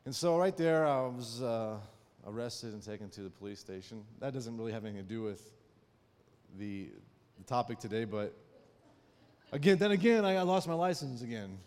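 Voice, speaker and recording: Storytelling pastor in a reverberant hall. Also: male voice, medium pitch, expressive, normal speed, a little mellow. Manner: folksy storytelling, frequent "right?" asides. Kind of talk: sermon.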